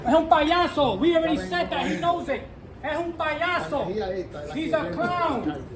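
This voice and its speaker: A man in his fifties from New York, heckling at an outdoor rally, shouting and repeating taunts in English and Spanish. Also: extremely high pitch, expressive, unhurried. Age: 50s. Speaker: street protester. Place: outdoors by a city building. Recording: crowd and street noise. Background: crowd, traffic.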